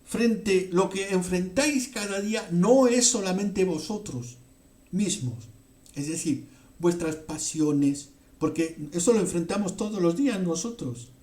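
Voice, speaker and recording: A man from teaching a Bible passage in a halting way, with many fillers and frequent "ok?" check-ins. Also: high-pitched, warm tone. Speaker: preacher.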